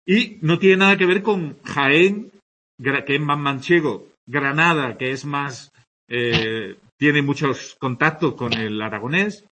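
A man's voice: a little high, takes it slowly, sharp tone, a little hiss or hum. A tired man from Andalusia with an Andalusian accent, giving a conversational classroom lecture and often checking in with his students. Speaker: teacher. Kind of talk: classroom lecture on Spanish dialects.

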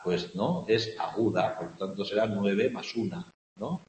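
A low-voiced man from lectures a class in a big echoing room, with a faint hiss under the recording. He checks in with "¿no?" after almost every phrase and chants vowel sounds loudly when he scans verse. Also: measured pace. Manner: keeps asking "¿no?" to check on the class. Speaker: teacher. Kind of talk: classroom lecture on poetic meter. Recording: echoey hall with faint hiss, mic far off.

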